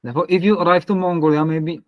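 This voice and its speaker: A man from the Republic, a parish priest talking casually on a video call, searching for words with soft laughs. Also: a little high, fairly even intonation, quick pace, no echo, poor audio. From Czech Republic.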